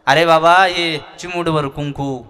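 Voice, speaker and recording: A man voicing a gentle goddess who patiently explains something. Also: on the high side, fairly even intonation, unhurried, smooth, in a large hall, pitched above the performer's own voice.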